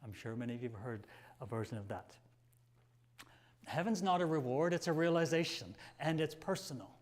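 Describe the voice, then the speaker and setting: Preaching a sermon, this man reads passages aloud in an animated, mid-range voice. He moves between slow, tender lines and emphatic rises, sinking almost to a whisper in the quiet moments.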